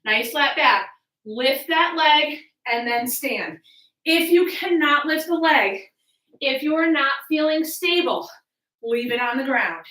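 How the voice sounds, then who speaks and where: Leading a home workout, a fitness coach speaks in a high, bright voice, offering encouraging cues and counts. She takes her time with instructions, and she sits some distance from the mic in an echoey room.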